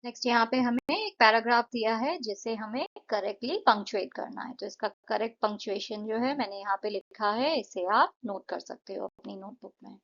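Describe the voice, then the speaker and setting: A woman's voice: fairly high pitch, creaky, a bit bright, dull audio. Woman teacher explaining English exercises. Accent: Indian English. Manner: explains step by step, stretches out words slowly to model syllables. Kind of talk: Hindi-English exercise walkthrough.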